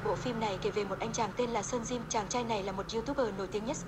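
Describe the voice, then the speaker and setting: A synthetic text-to-speech woman's voice reading a short story in an even, machine-read way. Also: a little high, quick pace, very noisy. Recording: dull, dry lo-fi audio.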